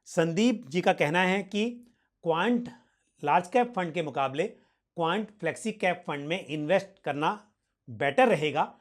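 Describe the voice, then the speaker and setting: A man's voice: a little high, animated, a little slow. A man hosting a financial question-and-answer session, explaining formally and politely, with English financial terms mixed in. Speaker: host answering viewer questions.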